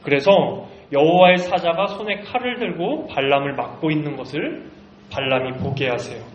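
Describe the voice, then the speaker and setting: A man's voice: on the high side, moderate pace. Guy telling a bible story to kids, upbeat, echoey room, kinda dull sound, faint hiss. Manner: lively, talks to the children directly. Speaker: children's ministry teacher. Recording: roomy, slightly muffled recording.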